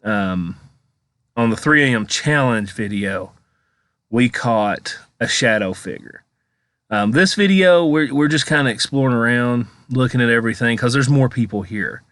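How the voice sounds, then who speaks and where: A man's voice: medium pitch, moderate pace, fairly bright tone, no echo. An American man giving a casual, chatty voice-over as a vlogger, rambling informally as he comments on exploration footage.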